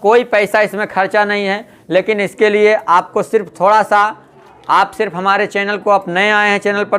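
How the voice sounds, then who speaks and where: A man's voice: sits high, fairly bright tone, smooth. A man teaching an English grammar class in Hindi, drilling students with call-and-response questions. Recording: noisy classroom with crowd chatter. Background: students chanting answers, classroom noise.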